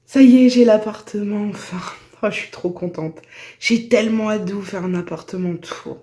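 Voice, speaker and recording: A woman's voice: medium pitch, normal speed, breathy edge, rough recording. A woman vlogging at home in casual chat, chatty and gushing. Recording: loud computer fan hum. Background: computer fan noise.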